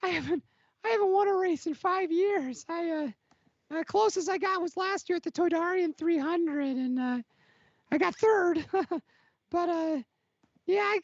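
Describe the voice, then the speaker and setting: Super high squeaky racer kid voice, stammery and rambly, kinda muffled audio. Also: male voice, no echo. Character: nervous chatty young male podracer. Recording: dull lo-fi audio.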